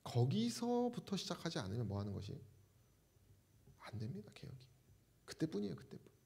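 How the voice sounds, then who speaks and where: A man's voice: fairly high pitch, huge pitch swings, fairly quick, vocal fry, dark tone. A man preaching a sermon as a pastor, asking the congregation rhetorical questions.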